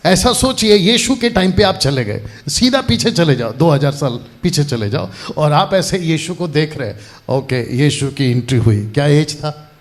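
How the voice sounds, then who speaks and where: Animated preacher man, lively pitch. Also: normal speed. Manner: animated, asks the crowd questions and repeats phrases for emphasis. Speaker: pastor. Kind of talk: lively sermon to a live congregation. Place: church hall with audience.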